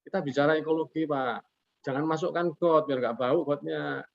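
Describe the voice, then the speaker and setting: Speaking over a video call as a webinar's guest expert, this man has a slightly high, gravelly voice with fairly even intonation and a moderate pace. His casual, folksy explanations are full of rhetorical questions he answers himself, plus polite nods to the host after almost every phrase. The call audio is lo-fi.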